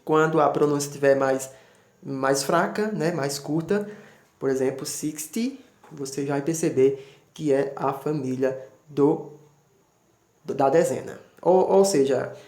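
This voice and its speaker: A man's voice: fairly high pitch, unhurried, a little mellow. A man teaching English numbers to students, patiently spelling words out letter by letter and checking in with short tags. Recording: echoey room.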